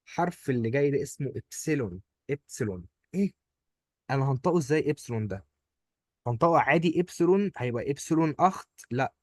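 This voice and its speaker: Male tutor, Egyptian accent, mid-pitched, patient drill style, dry recording. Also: a little mellow, no echo. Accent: Egyptian Arabic. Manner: patient, drills words by repeating them. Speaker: German language teacher. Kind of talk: one-on-one pronunciation lesson.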